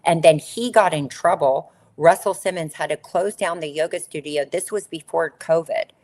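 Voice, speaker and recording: A middle-aged woman who used to be a model tells her story in an interview, candid and conversational, emphatically repeating phrases for stress. Her voice is deep with a darkish tone, and she moves at a moderate pace.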